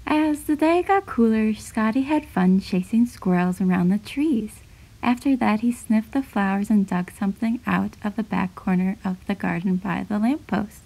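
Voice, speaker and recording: A woman narrating a children's bedtime storybook at a medium pitch. Her reading is gentle, clear and steady. It sounds like a read-aloud. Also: normal speed, low-quality recording.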